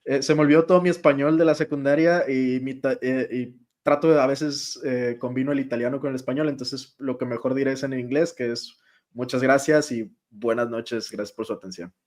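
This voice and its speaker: A man's voice: mid-range voice, fairly even intonation, fairly quick, a little mellow. Casual male interpreter on a video call. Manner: friendly, casual, filler words like "like" and "uh".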